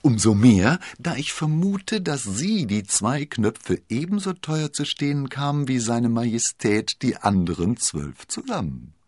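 A man voicing a proud queen in a high, mocking falsetto. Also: wildly swooping pitch, moderate pace, few pauses, no echo.

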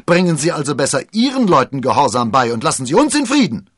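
Man playing a commanding musketeer, cool, loud, husky, lively swings. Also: a little high, quick pace, no room sound, clean studio sound, voice pushed up. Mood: bold, rousing. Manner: raised, loud, declaiming delivery. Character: proud wounded male musketeer, cool and commanding.

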